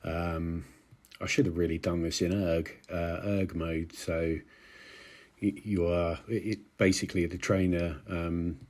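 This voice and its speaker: A man in his forties giving casual, halting, dryly self-deprecating commentary while cycling hard on an indoor bike, talking through the exertion. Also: low-pitched, little pitch movement, darkish tone. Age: 40s. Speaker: cyclist vlogger.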